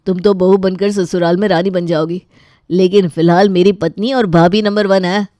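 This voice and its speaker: A cheerful young husband from an animated family tale, voiced by a man. He speaks high and flat in a dark tone. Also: moderate pace, dry recording, lightly acted. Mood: joking. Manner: joking.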